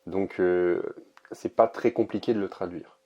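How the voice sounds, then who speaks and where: A man casually showing an oracle card deck, talking in a relaxed, hesitant way with many pauses and fillers. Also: low voice, dull audio. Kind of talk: casual product presentation to camera.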